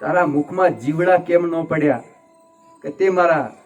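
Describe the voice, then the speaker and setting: Male storyteller as young prince, grief-stricken and pleading, high voice, faint music behind. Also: measured pace, lo-fi sound, natural voice. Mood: anguished. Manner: impassioned, tearful pleading. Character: young prince Bharat, grieving and self-reproaching.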